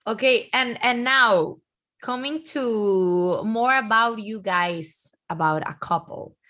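A woman hosting a casual interview, asking questions in a friendly way with halting phrasing and many fillers. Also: a little high, bright, forceful tone.

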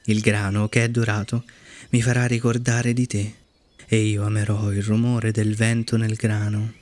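A man voicing a wise, lonely female fox who explains things slowly and earnestly in a storybook reading. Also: lowish voice, completely flat delivery, darkish tone, dry recording, lightly acted.

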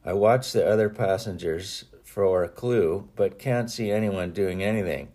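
A man's voice: sits low, unhurried, warm tone. A man reading his own book aloud, telling a personal story in an earnest, reflective way with a few small restarts. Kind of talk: audiobook narration.

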